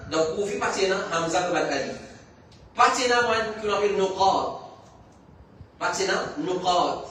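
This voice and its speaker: Mauritian male religious teacher, high voice, repetitive letter-by-letter explaining, faint room noise. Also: fairly bright tone. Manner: repetitive, explains letter by letter, switches into Arabic recitation. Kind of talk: mosque class lecture. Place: mosque hall. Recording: echoey distant room recording.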